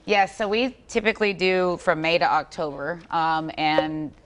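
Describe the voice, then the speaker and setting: Lady selling barbecue on tv, sassy and jokey, kinda low voice. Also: steady tone, measured pace. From Texas. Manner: sassy, playful, talks with her hands in the food. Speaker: barbecue vendor. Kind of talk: casual chat on live TV. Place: outdoors at a festival food stand.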